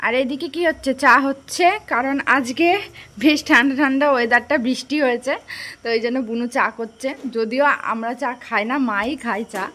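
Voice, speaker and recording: Bright high-voiced mother, chatty. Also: fairly even intonation, fairly quick. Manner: chatty, sing-song baby talk to the child. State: sore throat from a cold. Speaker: vlogger and mother. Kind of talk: casual home vlog. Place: home, indoors.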